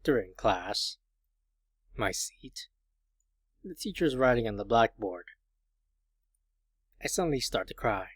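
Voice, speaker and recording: A man's voice: on the low side, animated, takes it slowly, pauses often, no room sound, studio quality. A man reading a lonely schoolgirl's inner thoughts. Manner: quiet, confessional inner monologue. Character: lonely, fearful teenage schoolgirl narrator.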